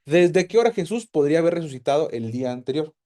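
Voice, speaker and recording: Male Bible teacher, slightly high and mellow, animated and questioning. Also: fast. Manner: animated, asks the class many questions. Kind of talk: casual teaching to a group.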